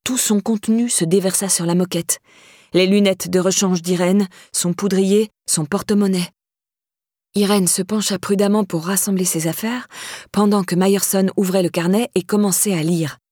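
A woman narrating a novel aloud in a steady, measured storytelling voice. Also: medium pitch, dry recording, clean studio sound. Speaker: audiobook narrator.

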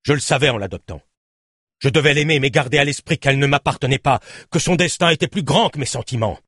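A man's voice: on the low side, husky, no echo, clean studio sound. A man voicing a fervent male president who sacrifices everything for humanity, speaking in an impassioned, pleading way.

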